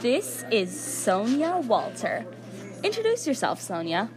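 A woman's voice: fairly high pitch, huge pitch swings. Playful woman hosting a pretend show. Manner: breezy announcer patter, rushing through lines. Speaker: host of a home-made pretend show. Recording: loud music playing behind the voice.

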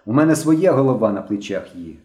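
A man's voice: mid-range voice, expressive, brisk, a little mellow, lo-fi sound, natural voice. A man voicing a cocky, impulsive schoolboy in a storybook reading, with a brash, offhand way of talking. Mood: defiant. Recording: roomy echo.

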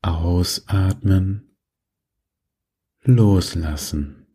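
A man guiding a sleep meditation in a soft, breathy voice, giving gentle, soothing instructions with long pauses. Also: deep voice. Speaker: meditation guide.

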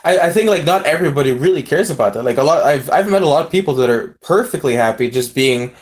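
A man's voice: fairly high pitch, animated, fast. A man with an Aruban accent reasoning things through in casual discussion, often repeating words as he starts a thought.

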